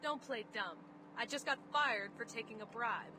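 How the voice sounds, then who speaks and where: Woman playing a bitter fired manager, accusing tone, highish voice, clear outdoor noise. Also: moderate pace, lightly acted.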